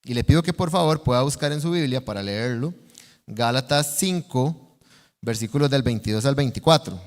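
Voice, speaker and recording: Costa Rican male preacher, mid-pitched, earnest teaching sermon, church hall reverb. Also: animated, normal speed. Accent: Costa Rican Spanish. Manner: earnest, teaching, asks the congregation questions. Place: church sanctuary.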